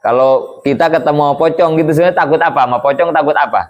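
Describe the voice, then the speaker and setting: A man's voice: fairly high pitch, fast talker, highs cut off. A man giving a casual religious lesson, chatting along and asking his listeners rhetorical questions over and over. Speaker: Islamic teacher.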